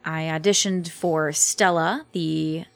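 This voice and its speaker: A woman's voice: low-pitched, steady tone, slow, vocal fry, dry recording. A young woman voice actor chatting as a podcast guest, laughing often and restarting her sentences. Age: young adult. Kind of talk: casual podcast interview.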